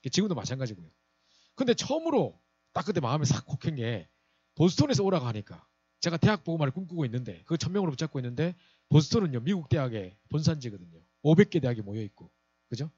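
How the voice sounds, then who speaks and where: A man's voice: fairly high pitch, big pitch swings, quick pace, darkish tone, husky, dry recording, dull audio. A man in his forties, a pastor giving an evangelism lecture and telling a personal story, acting out the people he quotes. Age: 40s.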